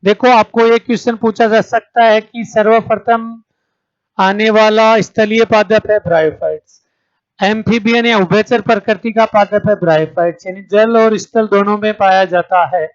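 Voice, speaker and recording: A man's voice: high-pitched, steady tone, moderate pace, highs cut off. A man teaching an exam-prep lecture, who asks the class each question and then answers it, calling his students "beta" and checking in with "theek hai". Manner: calls students 'beta', checks understanding with 'theek hai'.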